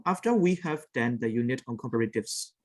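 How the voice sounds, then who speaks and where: A woman's voice: a bass voice, animated, brisk, a little mellow. A woman in a group discussion giving short replies and finishing the others' sentences. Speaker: student teacher.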